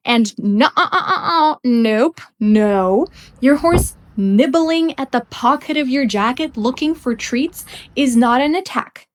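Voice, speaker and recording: Speaking slowly, a young female podcast host rants off the cuff in a blunt, emphatic way, with the occasional laugh. She has a somewhat high voice that sounds a bit stuffy from a cold.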